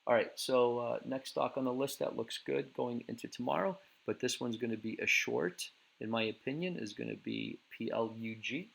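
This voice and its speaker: A man hosts an easygoing stock market recap, peppered with fillers and restarts, while losing his voice. His mid-range voice has vocal fry and a breathy edge, moving at normal speed with few pauses.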